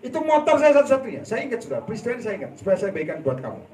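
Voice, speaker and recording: A man preaching a sermon in a church hall, telling a story with laughter and sudden loud outbursts. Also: very high voice, very animated, racing, slight background noise. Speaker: evangelist preacher. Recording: echoey hall, voice from a distance.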